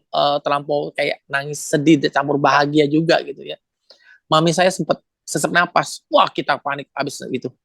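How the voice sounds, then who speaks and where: A man's voice: fairly high pitch, vocal fry, no room sound. A man giving a testimony as a guest, telling a family story with feeling, laughing often and turning to the host as he talks. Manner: lively, laughs often, keeps addressing the host. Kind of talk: emotional storytelling.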